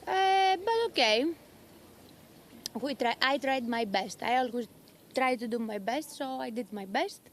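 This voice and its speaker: A woman's voice: a little high, lively intonation, unhurried, a little hiss or hum. Hesitant Greek-accented woman athlete. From Greece. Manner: hesitant, searching for words, many fillers. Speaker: triathlete. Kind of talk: trackside interview. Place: outdoors at a race aid station.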